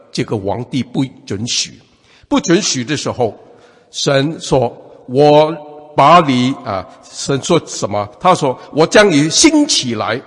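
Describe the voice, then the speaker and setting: A man preaches a sermon with a lot of repeated fillers and restarts. His voice is slightly husky and sits a little high for a man, swinging widely in pitch as he preaches. A long reverb trails behind him, as in a large hall.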